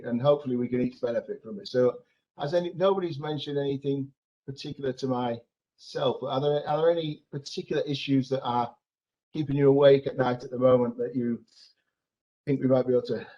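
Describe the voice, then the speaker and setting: A man's voice: medium pitch, mellow. A middle-aged man chairing an informal meeting, hesitant and often repeating his words. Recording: dull lo-fi video call audio.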